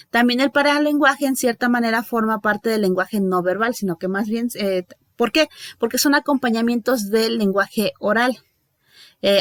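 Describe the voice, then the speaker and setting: A woman's voice: medium pitch, no echo, clean studio sound. A woman giving a recorded lecture, talking in a loose, conversational way, full of fillers and restarts and often checking in with her listeners. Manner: conversational, many fillers and self-corrections; checks in with listeners with tag questions. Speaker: teacher.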